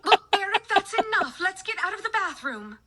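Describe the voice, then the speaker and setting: An actor voicing a soft, indulgent cartoon mother, taped off a TV. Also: extremely high pitch, sing-song, normal speed. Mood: scolding. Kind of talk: cartoon voice acting. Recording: TV audio recorded off screen, noisy.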